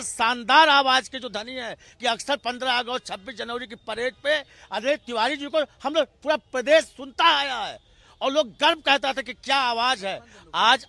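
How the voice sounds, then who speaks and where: Impassioned male party spokesman, bright forceful voice, piling up rhetorical lists. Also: extremely high pitch, no room sound. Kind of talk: heated TV debate argument.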